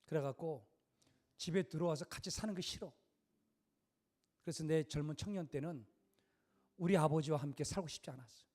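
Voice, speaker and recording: A man's voice: on the high side, normal speed, long pauses, darkish tone. A middle-aged male pastor preaching a sermon in a conversational, emphatic way, full of rhetorical questions.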